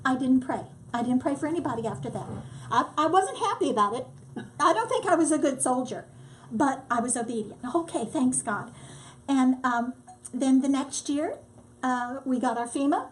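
Bright-voiced older woman telling stories. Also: sits high, moderate pace, a little hiss or hum. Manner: lively storyteller, acts out quotes. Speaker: disaster relief volunteer. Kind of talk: casual testimony.

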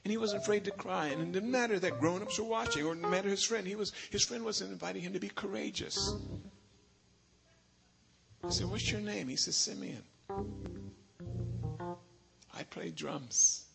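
Gravelly preacher man over guitar. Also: sits high, fairly quick. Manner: storytelling, animated, chuckles between lines. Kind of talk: sermon with personal stories. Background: guitar music.

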